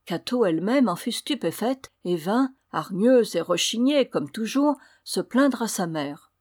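A woman reads a fairy tale aloud, measured and even in her storytelling. Her voice has a middle pitch, and the recording is dry and close. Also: no echo. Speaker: narrator.

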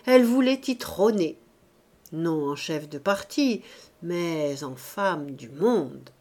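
A woman narrates a classic novel as an audiobook reader, her medium-pitched voice measured yet expressive.

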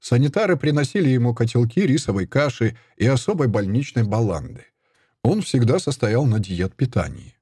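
Male narrator, first-person story, expressive, lively pitch, dry sound. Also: normal speed, slightly rough, no room sound. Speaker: audiobook narrator.

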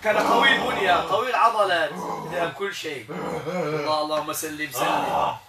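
A man's voice: a little high, moderate pace, reverberant, far from the mic, loud music behind the voice. A man with a Moroccan Arabic accent leading a Quran healing session. He coaxes and questions, repeating short questions and prayers. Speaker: Quran healer.

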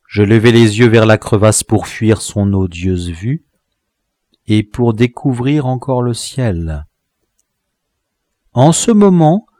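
A man narrating a classic novel as an audiobook in a measured, dramatic reading. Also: mid-range voice, a little mellow, no echo, studio quality.

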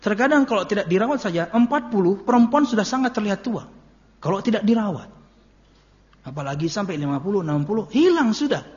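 A man's voice: high-pitched, lively intonation, fairly quick. A man giving a casual, joking Islamic sermon, slipping in local words. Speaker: Islamic preacher. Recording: muffled lo-fi recording.

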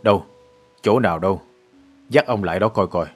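A wealthy older landowner in a storybook reading, voiced by a man in a low, husky voice. He questions people calmly and kindly. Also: soft background music. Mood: gentle. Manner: measured, fatherly questioning.

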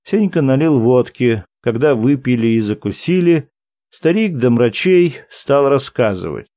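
A man reading a historical novel aloud as a measured audiobook narration. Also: medium pitch, lively intonation, mellow, no room sound, clean studio sound.

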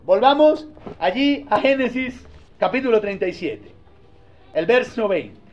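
High-voiced male pastor preaching. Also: measured pace. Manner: lively storytelling preacher, asks the congregation questions. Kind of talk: sermon. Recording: dull lo-fi recording.

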